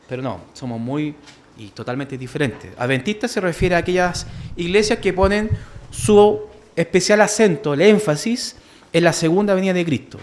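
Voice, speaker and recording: A man with a Chilean Spanish accent teaching a church history class, full of fillers, who keeps asking "¿cierto?" and calls his listeners "hermano". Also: a little high. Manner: many fillers, asks "¿cierto?" often, addresses listeners as "hermano".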